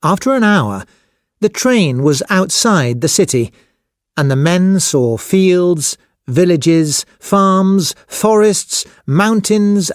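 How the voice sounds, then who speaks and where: Slow, expressive man narrating a storybook. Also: on the high side, no echo, clean studio sound. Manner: slow, expressive, clearly spoken. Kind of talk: scripted storybook narration for children.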